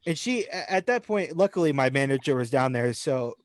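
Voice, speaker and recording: A young man, telling an animated story about a rude customer in a casual podcast chat. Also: mid-range voice, a little fast, no echo, clean studio sound. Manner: animated storytelling, voice rising when venting. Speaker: podcast co-host.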